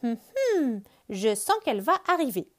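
A chirpy little bird, as a woman reading a storybook puts him on, cheerful and sure things will turn out well. His voice sits high and bounces in a sing-song way. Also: sing-song, normal speed, a little mellow.

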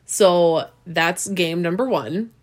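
A young woman with a somewhat low voice co-hosts a casual chat. She talks in a chatty way, full of quick asides and laughter. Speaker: co-host.

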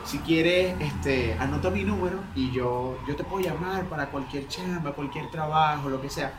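A man voicing a bald middle-aged stranger who speaks in a thin, high, delicate and overly courteous way. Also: normal speed, noisy background, lightly acted. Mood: overly polite. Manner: excessively courteous, soft-spoken. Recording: roomy distant mic, faint ambience.

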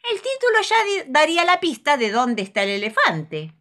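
A woman voicing a skeptical, know-it-all male fox student in a storybook, with fussy, drawn-out objections. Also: sits high, huge pitch swings, pushed and bright, pitched above the performer's own voice, full character voice. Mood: doubtful.

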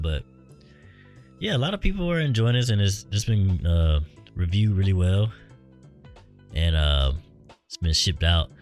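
Man, low voice, very lively pitch, casual slangy host, hiccups, faint music behind. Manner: animated, laughing, slangy. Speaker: podcast host. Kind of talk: casual chat.

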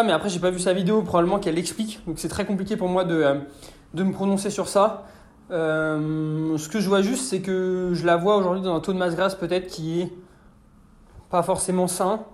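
A young man hosting his own podcast, answering listener questions in a chatty, hesitant way with many fillers. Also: high-pitched.

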